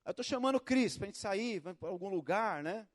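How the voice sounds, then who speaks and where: A male pastor with a Brazilian Portuguese accent, preaching a sermon in a church with animated storytelling. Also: high voice, fairly quick. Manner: animated storytelling with acted quotes and shouts.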